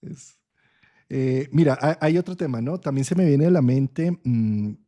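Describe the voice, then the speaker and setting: A man, an astrologer, explaining ideas in a relaxed conversation, often checking in with a quick "right?" and thinking aloud with pauses. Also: mid-range voice. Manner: frequent "¿sí?" checks, thoughtful and expressive. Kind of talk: conversational explanation in an online talk.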